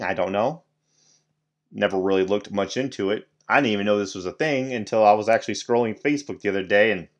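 A man hosting a solo podcast, rambling casually with lots of fillers, restarts and offhand swearing. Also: lowish voice. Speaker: podcast host.

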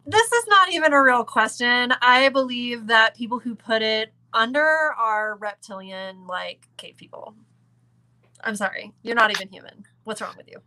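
A woman's voice: a little high, animated, normal speed, bright, forceful tone, rough recording. A woman from the American South, a podcast guest answering questions in a playful, emphatic, opinionated way. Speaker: podcast guest, business owner. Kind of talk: casual interview chat.

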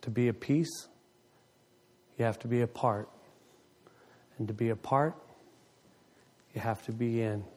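A ministry leader in his fifties shares an emotional testimony with his congregation, telling it with great animation. He keeps a measured pace and pauses often, and his voice surges high whenever excitement takes hold.

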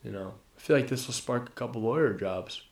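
A man's voice: medium pitch, a little fast, a little mellow. A man co-hosting a casual podcast about a movie, rambling, swearing casually and trailing off mid-sentence. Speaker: podcast co-host. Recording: roomy echo.

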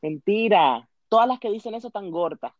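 A man's voice: sits high, animated, a little fast, no room sound, dull audio. A man co-hosting a podcast, giving comic mock advice in a theatrical, mocking way and acting out other people's voices. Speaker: podcast co-host.

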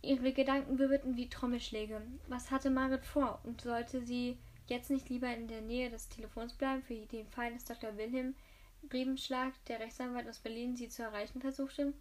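A woman reads a novel aloud in a high, fairly flat voice. She stumbles often and backs up to restart her phrases. The delivery is steady but unpolished. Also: normal speed. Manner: frequent slips and restarts. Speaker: audiobook reader.

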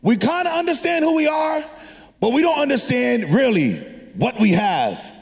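A man delivers a sermon in a high voice that rings through a large hall with long reverb. He is exhortative yet conversational, addressing his listeners directly and prompting them with questions. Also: big pitch swings, normal speed, creaky. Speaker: preacher. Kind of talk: energetic sermon to a congregation. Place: large hall, preaching to a live congregation.

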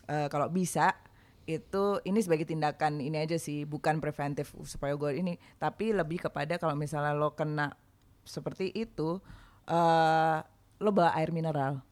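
Woman, low voice, relaxed candid storyteller for a podcast chat. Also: normal speed. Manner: candid storytelling, slangy, frequent fillers. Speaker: performer.

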